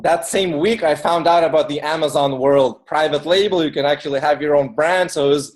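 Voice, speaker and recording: A fairly high-pitched man speaks briskly with a steady tone as a guest in an interview, telling casual conversational stories. He was born in Ukraine, came to the US at eight, and his informal speech is full of fillers, especially "like."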